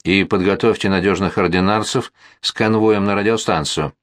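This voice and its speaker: A man's voice: deep voice, steady tone, normal speed, no echo, natural voice. A man voicing a stern, sardonic male general who barks short orders in a dry audiobook reading. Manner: curt, barking orders.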